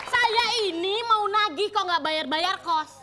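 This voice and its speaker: A woman's voice: extremely high pitch, a little slow, heavy background noise. A woman bantering comically as a co-host on a comedy show. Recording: loud studio crowd behind.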